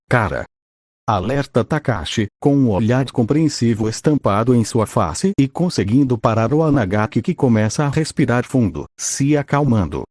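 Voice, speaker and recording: A man narrating a fan story, reading the narration and the characters' lines in an even, flat delivery. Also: medium pitch, no room sound, studio quality.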